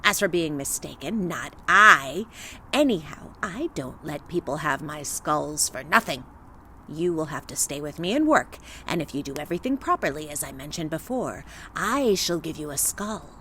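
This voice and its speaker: A woman voicing a fearsome old forest witch in a storybook reading, speaking in a gruff, mocking, menacing voice. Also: low-pitched, animated, normal speed, sharp tone, a little hiss or hum, pitched below the performer's own voice.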